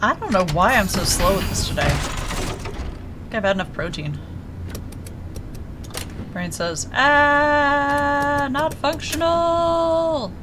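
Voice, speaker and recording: A woman's voice: on the low side, lively intonation, unhurried, pauses often, background noise. A woman giving casual, sardonic commentary while playing a video game. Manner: dry, sardonic. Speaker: gaming video host.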